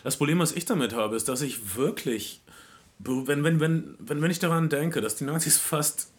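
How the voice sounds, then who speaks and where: A man's voice: on the high side, moderate pace. A man co-hosting a podcast in casual chat, opinionated and sardonic, often restarting his sentences. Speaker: podcast co-host.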